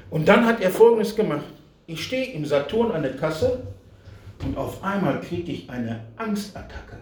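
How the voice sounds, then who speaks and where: A middle-aged man preaching a personal testimony to a congregation, swinging from loud cries to hushed whispers and often speaking straight to his listeners. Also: a little high, echoey room, far from the mic, slight background noise. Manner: addresses the audience directly. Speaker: street preacher. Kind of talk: testimony sermon.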